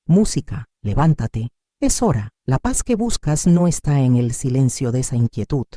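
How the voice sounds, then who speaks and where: A woman's voice: rumbling low, warm tone, no echo, studio quality. A woman giving scripted devotional narration, preaching in a dramatic, emphatic way.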